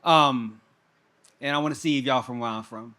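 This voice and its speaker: A young man from Texas, a spoken word poet, shouting out to a live audience before performing a rhythmic, repeating poem on stage. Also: mid-range voice, normal speed. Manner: hypes the crowd with call-outs, then a rhythmic repeated-line poem.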